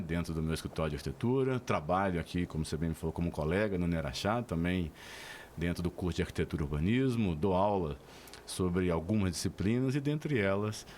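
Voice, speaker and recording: A middle-aged man speaks as a radio guest, his voice very deep. He explains his field in a formal, measured, lecturing way, with a faint hiss of noise beneath him. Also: darkish tone. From Araxá, Minas Gerais, Brazil. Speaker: architect and university lecturer, guest. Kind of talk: radio interview.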